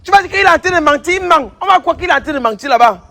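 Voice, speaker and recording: In a staged confrontation sketch, a man plays a traditional healer who scolds and accuses, repeating his lines again and again. His voice is very high, gravelly, and sharp, and he delivers it animatedly at a very fast clip.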